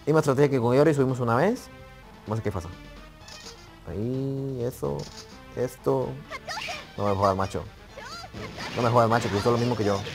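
Excitable Spanish man commentating a game. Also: mid-range voice, a little fast, long pauses, over music. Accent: Spain Spanish. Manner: excitable, swears casually, talks to the game. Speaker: gaming YouTuber. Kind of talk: live gameplay commentary.

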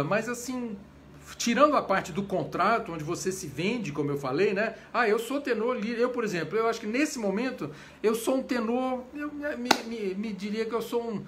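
A Brazilian conductor with a Brazilian Portuguese accent, giving a chatty, informal lecture on voice types. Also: male voice, sits high, a little hiss or hum. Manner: animated, chatty, breaks into short sung examples. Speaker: conductor and voice teacher. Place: home during quarantine.

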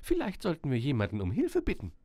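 Man putting on a fretful old mouse, raised voice, lively, dry sound. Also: on the high side, quick pace, no echo, voice pushed up. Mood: worried.

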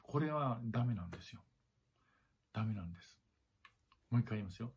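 A man with a fairly low voice teaches clarinet in a spoken lesson, repeating his points, addressing the listener directly and singing rhythms aloud to demonstrate. He sounds animated and brisk, and the dull lo-fi recording carries heavy background noise.

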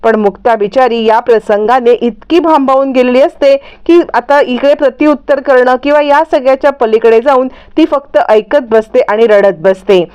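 A woman narrating a lively retelling of a TV serial episode. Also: high-pitched, normal speed, hardly any pauses, clear, resonant tone, muffled recording. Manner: lively storytelling.

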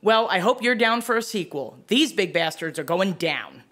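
A woman's voice: medium pitch, animated, normal speed, a bit bright. An actress playing a fierce, foul-mouthed female starship captain in an audio drama, brash and commanding.

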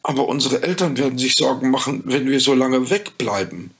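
Ein Mann spielt aufgebrachte Märchenkinder, hoch und laut. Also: male voice, animated, a little fast. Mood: eager. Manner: high, loud, indignant. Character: children, a boy and a girl, upset and eager.

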